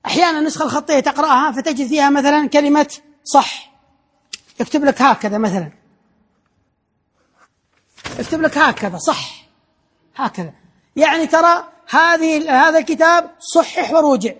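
Male lecturer, high voice, explanatory classroom delivery with restarts. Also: brisk, long pauses, a bit bright. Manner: explanatory, repeating points, frequent restarts.

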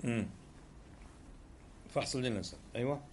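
A man's voice: mid-range voice, fast talker, a little mellow, slight background noise. A man teaching a religious lesson, posing rhetorical questions and answering them himself. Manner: Gulf Arabic dialect. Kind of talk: sermon-style lesson with questions.

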